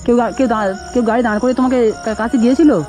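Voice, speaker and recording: A rapid-talking adult with a mellow, dark tone questions a child outdoors at night by a roadside. The questions come quickly and are often repeated in a coaxing way, with faint music underneath. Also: medium pitch, fairly even intonation. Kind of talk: casual unscripted night vlog.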